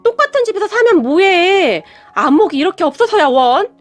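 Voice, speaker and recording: A woman's voice: very high-pitched, big pitch swings, a little fast. A woman voicing a vain, petulant middle-aged mother who whines and complains. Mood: whiny. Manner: whining and petulant.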